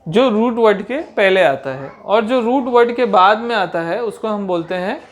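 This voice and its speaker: A woman teaches a grammar lesson in a mid-pitched voice. She keeps asking her own questions and answering them right away. She slows down carefully whenever she gives a definition. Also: animated.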